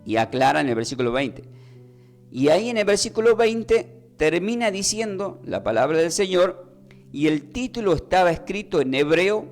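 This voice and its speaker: A man gives a radio sermon, teaching slowly and spelling out words for listeners to write down. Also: on the high side. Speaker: preacher. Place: radio studio.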